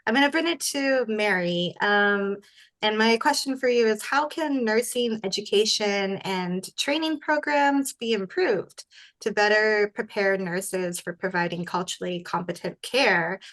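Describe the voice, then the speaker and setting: Female moderator, webinar panel, mid pitch, measured. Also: a bit bright, poor audio.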